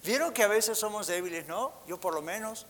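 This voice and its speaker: A man's voice: high voice, expressive, a little fast, a bit bright. A man preaching a sermon as pastor, asking the congregation rhetorical questions. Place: church hall. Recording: hall reverb with faint hiss.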